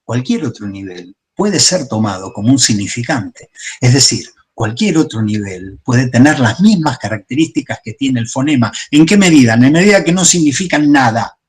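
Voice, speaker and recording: A man delivers a class lecture at a middle pitch. He explains patiently, building his points step by step. He often pauses to check in with the room. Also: expressive. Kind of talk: class lecture on psychoanalytic theory.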